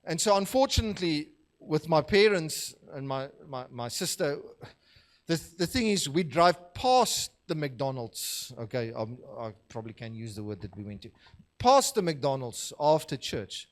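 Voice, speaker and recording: A man's voice: on the high side, sing-song, a little slow. A man, a pastor giving a sermon in a conversational, storytelling way and asking for the next slide. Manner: conversational storytelling, laughing at his own anecdotes; asks the slide operator for the next verse.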